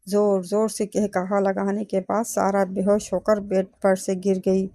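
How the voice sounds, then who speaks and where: A woman telling a horror story as scripted narration, reading in a steady, even way. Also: mid-range voice, no room sound.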